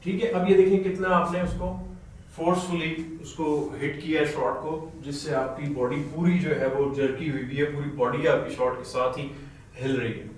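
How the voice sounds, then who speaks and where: A man from Pakistan, a snooker coach with a sore throat, patiently going through a student's video and telling a helper when to play and pause it. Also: fairly high pitch, little pitch movement, slight background noise. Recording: very echoey room, mic at a distance.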